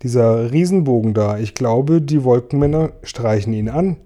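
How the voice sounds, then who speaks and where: A man's voice: mid-range voice, expressive, moderate pace, mellow, close to an everyday voice. A man voicing a curious, brave young boy in a storybook reading, speaking earnestly.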